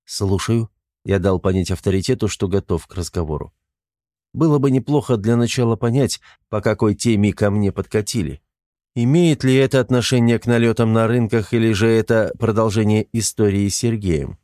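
Low, warm-voiced male audiobook narrator. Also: brisk, dry recording, studio quality. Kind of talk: first-person audiobook narration.

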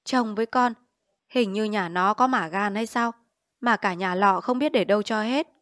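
A woman voicing a sharp-tongued young wife in a storybook reading, complaining with scorn. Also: mid-range voice, normal speed, no echo, studio quality, lightly acted. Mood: scornful.

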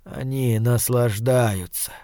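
A man reading an audiobook gives voice to the hoarse, weary, defiant last man alive as he lies dying. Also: fairly high pitch, no echo, clean studio sound. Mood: anguished. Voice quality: hoarse, quiet and slow.

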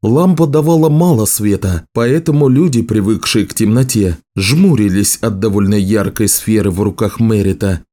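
A man's voice: on the low side, moderate pace, hardly any pauses, warm tone. A man steadily reading a fantasy novel aloud as the audiobook narrator.

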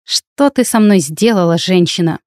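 A woman's voice: fairly low pitch, moderate pace, darkish tone, no echo, studio quality, natural voice. A woman voicing an arrogant, vengeful male healer who gives curt, imperious orders in an audiobook fantasy tale. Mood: haughty, pressing.

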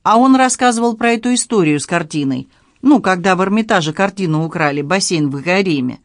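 A reader voicing an indignant, quick-tempered middle-aged woman in an audiobook scene. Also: fairly low pitch, expressive, no echo, clean studio sound. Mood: scolding.

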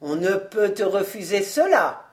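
A woman's voice: mid-range voice, sing-song, unhurried. A woman doing a stern old outlaw chief. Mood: mocking.

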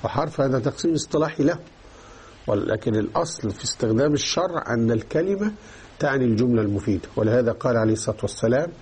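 A man gives a religious lesson, stopping often to ask whether his listeners are following. His voice is husky and warm, with a mellow tone. He teaches patiently and explains step by step. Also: medium pitch, lively intonation, rapid-fire. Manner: explanatory, checks understanding with repeated questions. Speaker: teacher of Islamic jurisprudence.

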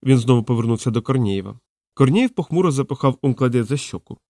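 A man reading an audiobook aloud in a wry, lively storytelling manner, close to the mic. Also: medium pitch, fast, dry recording. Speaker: audiobook narrator.

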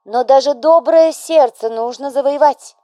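A woman's voice: sits high, measured pace, mellow, no room sound, clean studio sound, soft background music, pitched above the performer's own voice. A woman voicing an overbearing, melodramatic widowed mother who scolds and presses her grown son, in an audiobook. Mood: decisive.

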